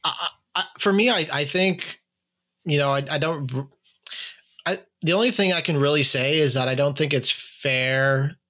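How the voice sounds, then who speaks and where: A man's voice: a little high, normal speed, sharp tone. A man hosting a casual online discussion over a video call, talking conversationally with many fillers and restarts. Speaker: podcast host asking questions.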